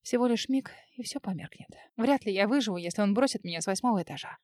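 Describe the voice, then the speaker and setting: A woman's voice: mid-range voice, very fast, a little mellow, no room sound, studio quality, close to an everyday voice. A woman reading an audiobook, voicing a frightened young wife who pleads through tears. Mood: pleading. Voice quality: tearful, pleading.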